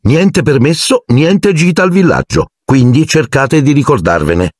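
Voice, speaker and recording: A man's voice: fairly high pitch, expressive, a little slow, darkish tone, slightly rough, no room sound, studio quality, pitched above the performer's own voice. A man voicing a strict, formal older woman teacher in an audiobook, clipped and authoritative. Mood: stern. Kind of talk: audiobook character voice.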